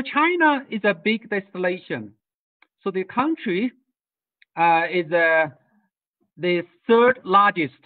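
A high-pitched Tibetan man, invited to speak about birding tours, lectures online over a video call that sounds tinny. The mic sits at a distance but there's no echo. He hesitates frequently, using many fillers and backing up to restart.

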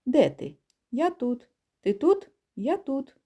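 Woman doing storybook wild geese: teasing, loud calls, dark mellow timbre, pitched up. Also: sing-song, slow pace, exaggerated voice. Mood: playful. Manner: mocking, calling out loudly.

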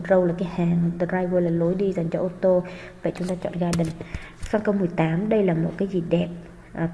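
Woman teacher, mellow and patient, slightly echoey with light background noise. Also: on the low side, creaky. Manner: patient, hesitant with frequent fillers. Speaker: English teacher. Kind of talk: explaining exam answers. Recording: long hall reverb, faint noise.

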